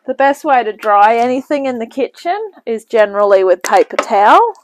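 Her pitch fairly high and her intonation lively, this woman demonstrates home cooking at a moderate pace, rambling casually as she works at the bench off-screen. The kitchen camera mic yields poor audio with slight background noise.

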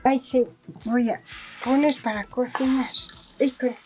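This vlogger, a middle-aged woman with an Andean Spanish accent, shows how to cook farm food in a cozy rustic kitchen indoors, a wood fire burning. Her voice sits high with fairly even intonation, at normal speed, chatting to camera with plenty of loving diminutives. A handheld camera or phone nearby records clearly noisy sound full of kitchen clicks.

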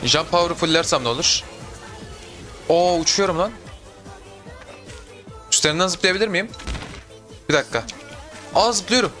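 A young adult man doing casual gameplay commentary, excitable, talking to himself and viewers with sudden yelps. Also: high-pitched, normal speed, long pauses, faint music behind. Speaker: gaming YouTuber.

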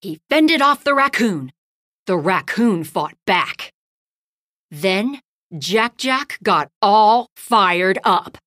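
A woman with a medium-pitched voice narrates a kids' storybook read-along for bedtime, unhurried and very expressive. She goes hushed on the bedtime lines and loud during the action, and the recording is close and dry.

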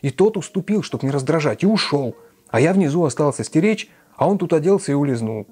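Man reading as an excitable drunk young guy, husky and raised in pitch. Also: a little fast, soft background music. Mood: urgent. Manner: loud, blustering.

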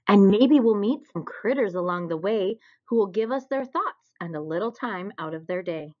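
A woman with a mid-range voice reads a children's picture book aloud at a moderate pace, telling the story expressively. The recording sounds dull and lo-fi.

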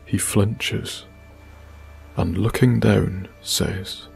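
A man narrating a bedtime sleep story in a soft, hushed, breathy manner. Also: fairly low pitch, fairly even intonation, drawn-out words, soft background music.

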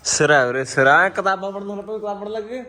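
A man's voice: sits high, animated, quick pace, bright, forceful tone. Chatty Punjabi man hosting a vlog. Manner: chatty, joking banter with friends. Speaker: vlog host, pigeon keeper. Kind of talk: casual vlog chat.

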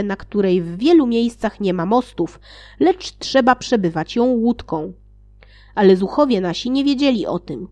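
A woman reading a fairy tale aloud, playful, with sarcastic asides and loudly acted quotes. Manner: reads with sarcastic asides and laughs; acts out shouted quotes with raised pitch. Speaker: audiobook reader.

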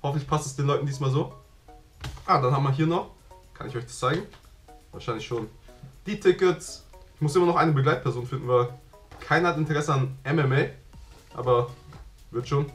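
A man's voice: fairly high pitch, fairly quick, long pauses, slightly rough, faint music behind. A young man vlogging casually, chatty and slangy, filming himself with a camera held at arm's length on a city street at night. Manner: chatty, laughs often, slangy. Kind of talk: casual vlog chat. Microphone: action camera held at arm's length.

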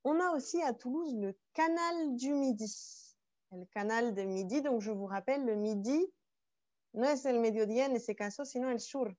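A woman's voice: on the high side, normal speed, warm tone, no echo, muffled recording. A woman from France teaching a bilingual online class, explaining each French phrase again in Spanish.

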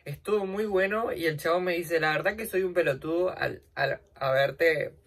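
A young woman with a Rioplatense accent telling a dramatic, slangy story while doing her makeup for a vlog. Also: normal speed. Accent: Rioplatense Spanish. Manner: dramatic, slangy, swings between loud outbursts and low asides. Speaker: vlogger.

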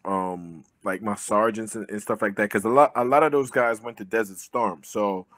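This interview guest, a Jamaican-born, Brooklyn-raised army veteran and professional boxer, chats over a video call from an indoor living room through a webcam and earbuds. Speaking at a moderate pace in a low, fairly bright voice with no echo, he's conversational, full of fillers and casual swearing.

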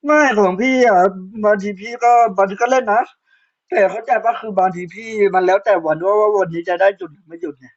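High-voiced man, blunt slangy streamer. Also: a little fast. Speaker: game streamer. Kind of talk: casual live-stream chat. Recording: dull lo-fi stream audio.

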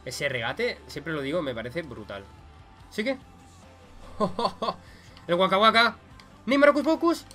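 A young man with a Spain Spanish accent giving excited gameplay commentary as a gaming YouTuber, swinging between muttered remarks and loud shouts. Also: on the high side, slow, long pauses, soft background music.

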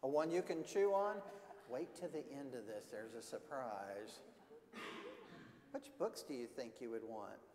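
A man reading a picture book to children during a church service, animated and often asking them questions. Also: medium pitch, unhurried, a crowd in the background. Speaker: leader of a children's message in church worship. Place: church sanctuary. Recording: echoey church hall.

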